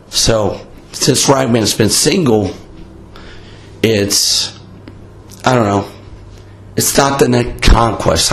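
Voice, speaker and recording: Hoarse, low-voiced man, casual podcast host. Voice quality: raspy, hoarse. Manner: blunt, profane, self-mocking. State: voice worn out. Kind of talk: casual rambling monologue.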